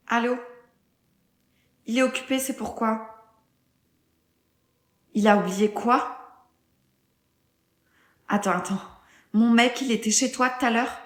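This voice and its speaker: A woman's voice: a little high, a little slow, pauses often, fairly bright tone, roomy sound. A woman's text-to-speech voice playing a fed-up, suspicious young partner and mother in a scripted story.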